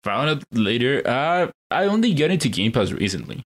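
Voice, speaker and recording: A man's voice: mid-range voice, sing-song, normal speed. A man co-hosting a casual gaming podcast, giving short, dry, laid-back replies. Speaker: podcast co-host.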